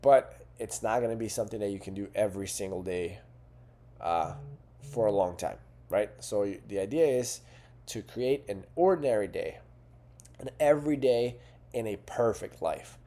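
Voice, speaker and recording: Low, mellow-voiced man coaching. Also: lively intonation, moderate pace. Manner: earnest, conversational, with fillers and rhetorical "right?". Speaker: fitness coach. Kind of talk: coaching talk to camera.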